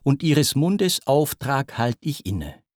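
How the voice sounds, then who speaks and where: A man's voice: medium pitch, very animated, slow pace, no room sound, studio quality. A man voicing a young woman from myth, coy and pleading in a raised, imploring voice. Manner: raised, imploring, sighing delivery.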